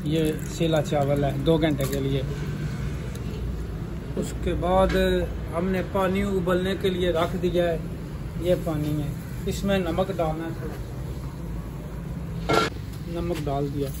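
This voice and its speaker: A man in his thirties, a cook, calmly explaining his recipe step by step in an outdoor restaurant kitchen. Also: a little high. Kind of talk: cooking demonstration. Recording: clear background noise.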